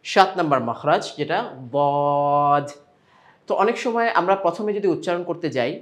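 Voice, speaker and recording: A man with a Bangladeshi Bengali accent teaching Quran pronunciation step by step, stretching out sample sounds between explanations. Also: a little high.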